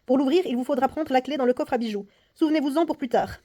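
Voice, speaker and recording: A woman's voice: high-pitched, quick pace, dark tone. A woman reading aloud the lines of a frightened, secretive old woman from a game card. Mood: anxious.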